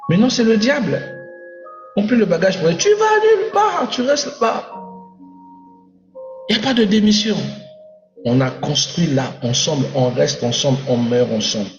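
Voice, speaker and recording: Animated preacher in an echoey hall. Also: male voice, on the high side, normal speed. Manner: animated, playful, acts out voices in his stories. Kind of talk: lively sermon. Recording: echoey hall, dull sound, faint music.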